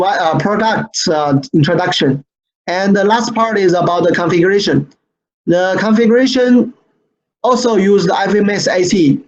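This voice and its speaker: A high-pitched man, not a native English speaker, leads an online product training over screen share. He repeats phrases haltingly and keeps checking in with "right?" The webinar audio is dull and lo-fi.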